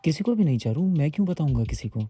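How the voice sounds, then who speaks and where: An actor playing a young office worker who reassures his colleague in a hurried, defensive way in a film scene. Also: a little high, sing-song, mellow, faint music behind.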